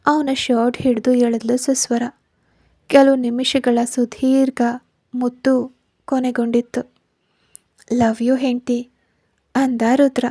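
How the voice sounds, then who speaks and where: A woman narrating a romance story with steady, even pacing. Her voice is fairly high but mellow, with little rise and fall. It is recorded close and dry. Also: a little slow, dry recording.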